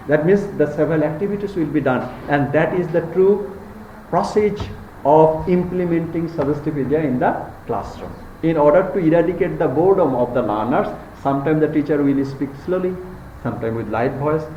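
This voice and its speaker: A man's voice: a little high, darkish tone, a little hiss or hum. A man giving a live university lecture, mixing Bengali and English and repeating key terms as he explains. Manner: switches between Bengali and English mid-sentence. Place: classroom. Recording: echoey classroom, dull lo-fi sound.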